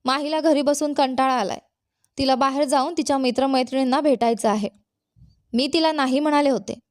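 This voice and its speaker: A woman's voice: high-pitched, steady tone, fairly quick, a little mellow, close to an everyday voice. A woman voicing a loyal, caring young woman friend, speaking earnestly in a storybook reading. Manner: earnest, heartfelt.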